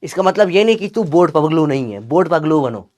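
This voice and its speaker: A man's voice: a little high, animated, brisk, a little mellow, no room sound, clean studio sound. A young man teaching physics in a chatty, teasing lecture. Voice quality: chatty, teasing, calls students beta. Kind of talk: classroom lecture with Gen Z slang.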